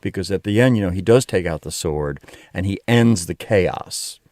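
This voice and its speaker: A man's voice: deep voice, normal speed, a little mellow, no echo, studio quality. A man talking reflectively as an interview guest, a choreographer explaining things with emphatic wording. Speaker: ballet artistic director and choreographer, interview guest.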